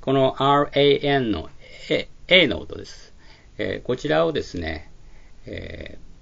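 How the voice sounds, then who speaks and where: A man teaching a pronunciation lesson, speaking slowly and carefully, with frequent filler pauses. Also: medium pitch, sing-song, gravelly, a bit bright. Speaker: English teacher. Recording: dull lo-fi recording.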